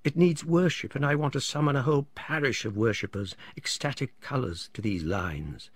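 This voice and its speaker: A man's voice: medium pitch, moderate pace, slightly rough, dry recording, pitched above the performer's own voice. A man voicing a theatrical male artist who laments in fervent, declamatory speech.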